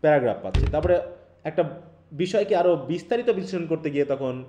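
A man's voice: fairly high pitch, expressive, fast talker, mellow, muffled recording. Bangladeshi man teaching, echoey room. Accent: Bangladeshi Bengali. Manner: keeps checking in with students by asking questions. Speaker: English teacher. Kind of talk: online class lecture.

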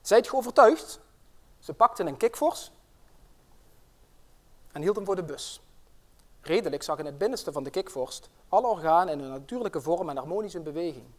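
A man's voice: fairly high pitch, expressive, normal speed, long pauses, a little mellow. Middle-aged man giving an academic lecture. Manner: friendly, with frequent fillers, tells a tale. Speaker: professor and general practitioner. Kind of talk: inaugural lecture with storytelling.

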